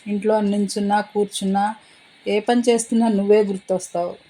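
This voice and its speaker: Earnest young woman in love, mellow, plain-spoken read by the narrator. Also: medium pitch, flat delivery, brisk, natural voice, poor audio. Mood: tender. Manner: earnest, pleading.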